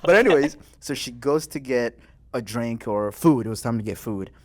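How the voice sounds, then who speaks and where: A man's voice: medium pitch, animated, moderate pace. A young man co-hosting a podcast, telling a story in a laid-back, slangy, profane way. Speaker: podcast co-host. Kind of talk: casual chat.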